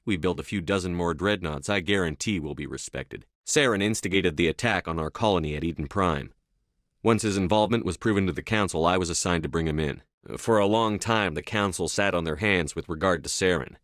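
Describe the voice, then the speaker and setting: Deep-voiced, no-nonsense military commander. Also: male voice, fairly quick, a bit bright, no room sound, studio quality. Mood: assured. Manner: clipped, firm, formal military delivery. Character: steadfast, no-nonsense human male military starship commander. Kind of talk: video game dialogue lines.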